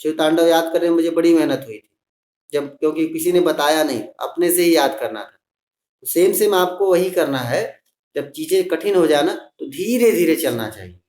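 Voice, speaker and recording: A patient male teacher leads a class of children, slowly spelling words out piece by piece and coaxing answers. His voice sits somewhat high for a man. The room around him rings with echo. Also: darkish tone. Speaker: Sanskrit teacher. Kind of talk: online class for schoolchildren.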